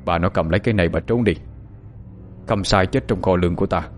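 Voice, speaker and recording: Brief: a man as a grave mandarin father, deep-voiced and solemn, audiobook drama. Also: fast, faint music behind, natural voice. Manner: solemn, urgent instructions. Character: grave middle-aged male mandarin father. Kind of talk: audiobook character acting.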